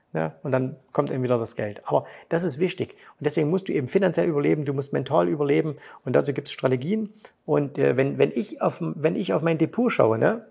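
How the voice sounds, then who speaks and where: A man's voice: on the high side, creaky, darkish tone, husky. A man hosting a trading podcast, talking in a chatty, eager way and often tagging his sentences with a questioning "ne". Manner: enthusiastic, with sound effects like "bumm" and "brrrt". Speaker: trading coach and podcast host. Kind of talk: casual podcast monologue.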